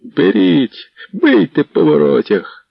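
A man's voice: on the high side, huge pitch swings, slow, gravelly, breathy edge, dry recording, pitched above the performer's own voice, full character voice. A man voicing a commanding young leader in an audiobook, giving curt orders, on a dull, dry lo-fi recording.

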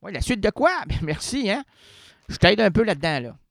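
Man, radio host, rambling and playful, fairly high voice, dry close mic. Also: big pitch swings, moderate pace, gravelly, fairly bright tone, dry recording. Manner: rambling, self-interrupting, jokey with sudden singing and word play. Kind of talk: playful radio monologue with poetry reading. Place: radio studio.

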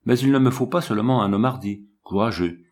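A man reading an audiobook, voicing a small, proud old scientist who speaks calmly and gravely. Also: mid-range voice, brisk, lightly acted. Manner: grave, composed, explaining. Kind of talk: audiobook character voice.

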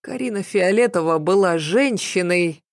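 A woman reading a first-person story as an audiobook narrator, in a measured, even storytelling delivery. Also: on the low side, no room sound, clean studio sound.

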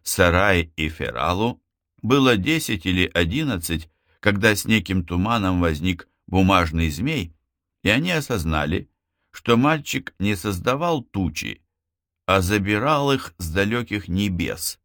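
Reading an audiobook at a measured pace, a deep-voiced man delivers the text expressively, frequently jumping up in pitch to emphasize words. He's recorded close and dry, with no room sound.

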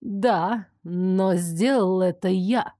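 A woman's voice: medium pitch, a little slow, warm tone, no echo, clean studio sound, close to an everyday voice. A woman reading the part of a brash, teasing young investigator who grumbles when crossed, in an audiobook. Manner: drawling, sulky grumbling.

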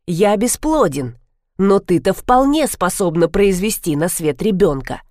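A woman voicing a cruel, sneering husband who speaks in a low, slow, menacing way. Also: expressive, darkish tone, no echo, clean studio sound, close to an everyday voice.

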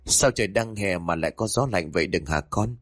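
A man's voice: low voice, brisk, no room sound, clean studio sound. A man voicing a worried, kindly older male landowner in a spoken ghost story, asking anxious questions.

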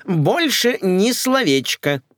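A man voicing a theatrical, fussy older grande dame who talks in high exclamations. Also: sing-song, slow, fairly bright tone, dry recording, full character voice. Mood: flustered.

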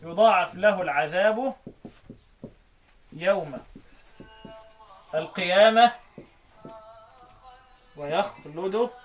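In a muffled recording with faint music behind him, a man with an Egyptian accent teaches Quran recitation. His voice sits high; he chants verse lines slowly, then explains them quickly while quizzing his students.

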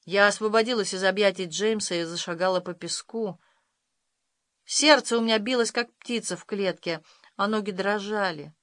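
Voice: medium pitch, moderate pace, a bit bright, dry recording, clean studio sound. A narrator reading a first-person audiobook with dramatic, emotional delivery.

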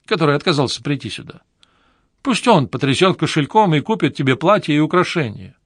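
A man's voice: a little high, big pitch swings, a little fast, husky, dry recording, studio quality. A man reading an audiobook, voicing a flamboyant, flirtatious woman from show business with a gushing, theatrical manner. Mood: bossy. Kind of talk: audiobook character voice.

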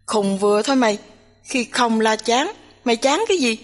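A woman's voice: fairly high pitch, lively intonation, moderate pace, faint music behind. A woman voicing a blunt, teasing young female roommate who nags and chatters in a storybook reading. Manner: nagging, bossy, chattering. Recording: long hall reverb.

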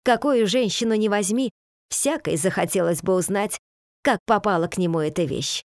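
Brief: woman reading as an agitated peasant wife, higher and louder, pleading and reproachful, dry sound. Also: normal speed, no room sound, natural voice. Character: fretful, outspoken peasant wife, emotional.

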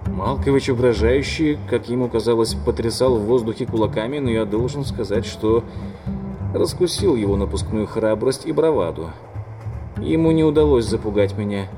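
A man with a mid-pitched voice reads a first-person story aloud. His delivery is even and steady, the pace of an audiobook narration. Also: moderate pace, faint music behind.

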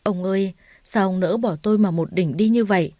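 A woman's voice: mid-range voice, a little fast, dark tone, no room sound, clean studio sound, close to an everyday voice. A woman voicing a spiteful, grieving older mother-in-law who wails and screeches accusations. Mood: wailing.

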